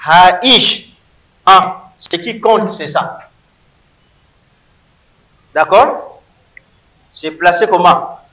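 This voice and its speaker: A man with a high, bright voice gives a slow, emphatic classroom lesson. He drills each point by repeating words. The room is echoey. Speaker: Hebrew teacher.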